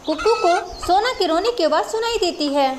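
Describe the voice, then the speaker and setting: A woman storyteller narrates a children's village tale in a steady, simple scripted style. Her voice is very high, with a faint hum of ambience behind it. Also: fairly quick.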